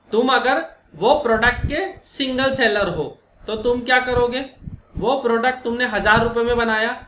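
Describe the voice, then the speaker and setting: A man teaching an accounting lesson, walking through each step with questions to his students and slowing down to dictate formulas. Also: extremely high pitch, bright, forceful tone. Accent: Indian. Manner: explains step by step with rhetorical questions. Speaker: commerce teacher. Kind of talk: classroom lecture. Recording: echoey room, faint noise.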